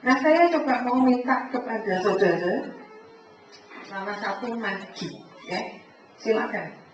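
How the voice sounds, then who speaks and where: A woman giving a preaching talk to a congregation, animated, acting out conversations and often addressing her listeners directly. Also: on the high side, takes it slowly. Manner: animated, acts out dialogue, keeps addressing the listeners. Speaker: speaker at a church family fellowship. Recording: echoey hall from far off, dull sound, faint noise.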